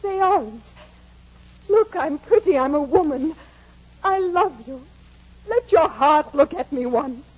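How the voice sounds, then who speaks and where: An actress playing a desperate, unloved young wife, pleading and anguished in 1940s radio acting, on a dull old radio broadcast. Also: female voice, sits high, expressive, measured pace, pauses often. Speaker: Isabella.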